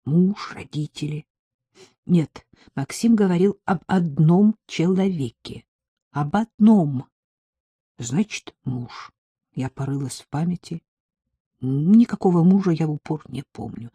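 A woman narrates a first-person audiobook in a measured, anxious inner voice. Her voice is low, warm and slightly husky. The recording is close and dry. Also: no room sound.

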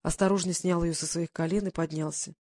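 A calm narrator reading a Russian novel aloud in scripted narration. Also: mid-range voice, brisk. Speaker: audiobook narrator.

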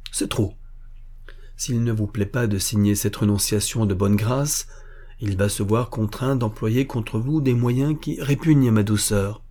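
Cruel vengeful jailer lord, menacing, husky, voiced by a man. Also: lowish voice, dark tone, lightly acted. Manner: cold, menacing, then raging.

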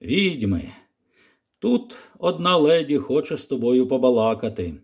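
A boisterous Texan balloonist with a hearty, drawn-out way of calling, as a man reads him aloud. The voice sits mellow and warm in a storybook reading. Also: mid-range voice, very animated, gravelly, husky, full character voice. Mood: calm friendly. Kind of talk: audiobook character voice.

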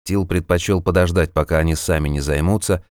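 A man narrating a fantasy novel as an audiobook in a measured, even storytelling manner. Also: low-pitched, no room sound, studio quality.

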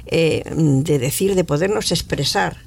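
Gravelly-voiced woman, earnest radio panelist. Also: sits low, measured pace, darkish tone, slight background noise. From Catalonia, Spain. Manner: earnest, emphatic, with frequent hesitations. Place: radio studio.

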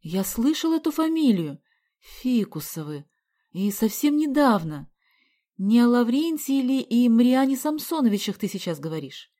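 Concerned, serious father asking pointed questions, soft mellow delivery, put on by a woman reader. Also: on the high side, very animated, moderate pace, voice pushed up. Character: serious concerned father, middle-aged man.

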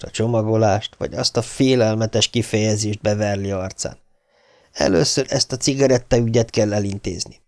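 A man's voice: on the low side, no room sound, studio quality. A man narrating an audiobook in a dramatic way, voicing the characters. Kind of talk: scripted narration.

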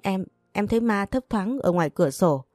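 A woman voicing a spoiled, sharp-tongued young sister-in-law in an audio story, mocking and boastful. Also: mid-range voice, expressive, a little fast, no room sound, studio quality, faint music behind, lightly acted. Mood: whiny.

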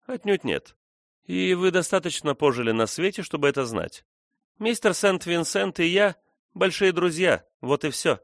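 A man's voice: high-pitched, animated, moderate pace, gravelly, dry recording, clean studio sound, pitched above the performer's own voice. A man reading the part of a spirited young woman in an audiobook, teasing and defiant. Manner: teasing, challenging.

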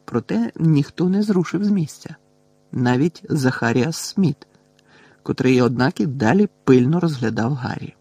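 A man reading a novel aloud with steady storytelling. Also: mid-range voice, unhurried, slightly rough, no room sound. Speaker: audiobook narrator. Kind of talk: audiobook narration.

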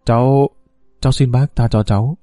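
A man's voice: medium pitch, brisk, no echo, clean studio sound, soft background music, lightly acted. A man voicing a scheming, pregnant young woman who pleads and whines in an audiobook story. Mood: pleading. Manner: whiny, pleading, sharp when crossed. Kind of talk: audiobook character voice.

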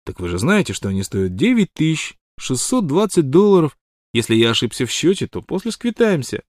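A brash, excitable prospector sidekick blusters in a high, loud voice, full of mock outrage, as a male audiobook narrator puts him on. The sound is close and dry. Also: brisk, no echo. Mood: dismissive. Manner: loud, indignant, mocking. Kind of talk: audiobook character voice.

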